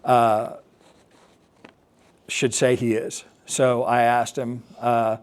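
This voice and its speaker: An American man tells an assembly about his experience as an air traffic controller, explaining things haltingly with pauses. His voice is medium-pitched, smooth, and monotone.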